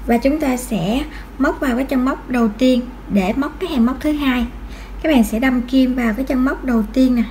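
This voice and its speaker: Woman, high voice, patient crochet lesson, faint background hiss. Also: darkish tone. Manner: patient, counts stitches aloud, frequent fillers. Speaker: crochet tutorial host. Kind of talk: step-by-step crochet instruction.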